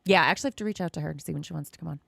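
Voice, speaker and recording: A woman's voice: deep voice, very fast, gravelly, fairly bright tone, no room sound, studio quality. A woman co-hosting a podcast in casual chat, easygoing and laughing often, reading the sign-off. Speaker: podcast co-host.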